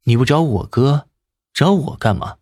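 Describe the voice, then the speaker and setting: A woman's voice: very deep voice, lively intonation, normal speed, a little mellow, slightly rough, no room sound, clean studio sound, pitched below the performer's own voice, exaggerated voice. A woman reading aloud, voicing a cool, terse young man who answers in short, clipped lines. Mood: curt.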